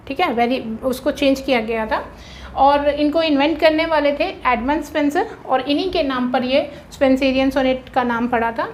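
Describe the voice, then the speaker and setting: An Indian woman with a high-pitched voice leads an exam-prep lesson, explaining things patiently and stopping often to make sure her students are keeping up. While drilling rhyme schemes, she spells each one out slowly, letter by letter. There's a faint hiss or hum in the background.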